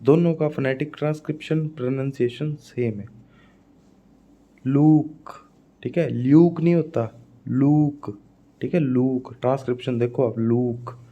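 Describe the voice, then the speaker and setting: A man with a Rajasthani Hindi accent teaches an exam-prep phonetics lesson in a medium-pitched voice. He drills each example word over and over. He keeps checking in with his students as he goes. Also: moderate pace, narrow, tinny audio. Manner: explains by repeating words and asking "है ना". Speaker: English teacher.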